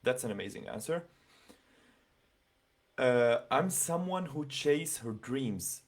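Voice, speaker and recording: A man's voice: medium pitch, expressive, takes it slowly. Chatty man reading comments on a livestream. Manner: chatty, many fillers, reads comments aloud and reacts. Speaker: livestream host giving scholarship interview advice. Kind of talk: casual livestream talk reading viewer comments.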